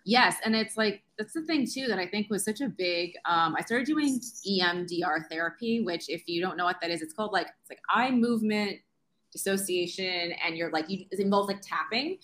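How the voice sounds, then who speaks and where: A woman's voice: medium pitch, a little fast, a bit bright. A woman in her thirties speaking candidly as an interview guest, chatty and earnest, filling her sentences with "like". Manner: chatty, uses "like" constantly, earnest. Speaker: guest, science teacher.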